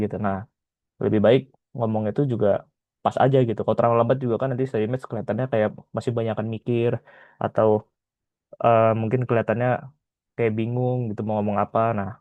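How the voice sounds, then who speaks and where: A man teaching as an exam tutor in a relaxed, chatty lesson style, often ending phrases with a casual filler. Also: medium pitch, no room sound. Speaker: IELTS tutor. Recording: dull lo-fi sound.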